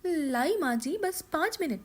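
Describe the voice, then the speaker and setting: A woman's voice: sits high, expressive, unhurried, pitched above the performer's own voice. A woman voicing a cheerful, careless young daughter-in-law in a cartoon story. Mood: chirpy. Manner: bright, chirpy, excuse-making.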